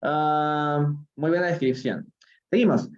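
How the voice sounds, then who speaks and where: On a live stream, a man with a Peruvian Spanish accent teaches an English reading lesson in a voice on the high side, its highs cut off. He gives slow, drawn-out model readings of English phrases, calls on chat viewers by name, and asks them questions. It sounds like a phone or computer mic.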